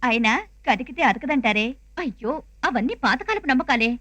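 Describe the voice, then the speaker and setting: A brisk, affectionate mother. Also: a little high, lively intonation, fairly bright tone, no room sound. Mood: cheerful. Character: warm middle-aged mother, lively and bantering. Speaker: mother Savitri visiting family in a film. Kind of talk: film family drama dialogue.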